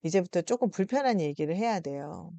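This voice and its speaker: A woman presenting a psychology talk, speaking gently and consolingly to her listeners, with slow pauses. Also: fairly low pitch, lively intonation, gravelly, no room sound. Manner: addresses listeners directly and warmly. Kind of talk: reflective explanatory talk to viewers.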